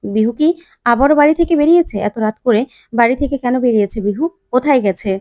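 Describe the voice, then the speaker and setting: A woman's voice: fairly high pitch, lively intonation, quick pace, darkish tone, no echo, studio quality, close to an everyday voice. A woman reading the lines of a worried, unwell father in a retold TV serial, insistent and stubborn. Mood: anxious.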